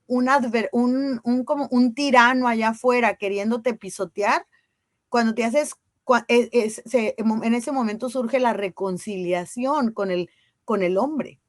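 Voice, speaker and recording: A woman's voice: fairly high pitch, a little slow, dry recording, clean studio sound. A woman, a guest in a casual interview, who talks earnestly and emphatically and uses rhetorical questions. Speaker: guest on women's ceremonial circles.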